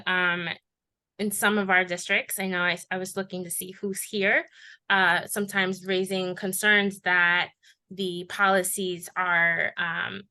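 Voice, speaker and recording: A woman's voice: medium pitch, sharp tone. A woman presenting an informative webinar talk on school board authority, with frequent fillers and self-corrections.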